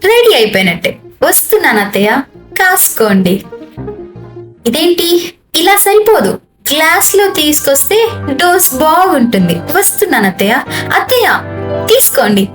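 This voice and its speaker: A woman's voice: sits high, very animated, normal speed, long pauses, roomy sound, faint music behind. A young woman playing a put-upon daughter-in-law who chats to the audience and turns sweet with a sly edge. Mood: sugary. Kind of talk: amateur family comedy skit.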